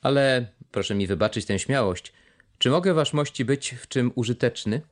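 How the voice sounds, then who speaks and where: A man's voice: mid-range voice, animated, moderate pace, pitched above the performer's own voice, natural voice. Man doing a fawning one-legged old pirate. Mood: flattering. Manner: obsequious, wheedling politeness.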